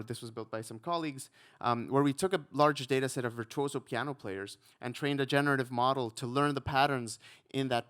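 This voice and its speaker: A man from Ecuador, likely in his thirties, giving a relaxed conference talk with frequent ums and a self-deprecating touch. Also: medium pitch. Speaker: conference speaker, researcher.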